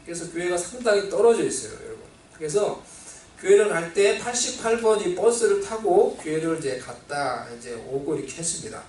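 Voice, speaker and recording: High-voiced pastor preaching in an echoey church. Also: male voice, fairly quick. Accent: Seoul Korean. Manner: animated storytelling, acting out quoted voices. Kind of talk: sermon with a personal childhood story. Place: church sanctuary. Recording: roomy, distant church recording with faint ambience.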